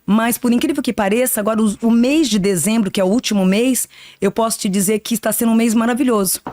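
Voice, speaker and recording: A woman's voice: a little high, fast talker, a little mellow. Earnest woman in her fifties. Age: 50s. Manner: earnest, reflective, spiritual talk with frequent "né". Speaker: psychic guest. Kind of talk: podcast interview.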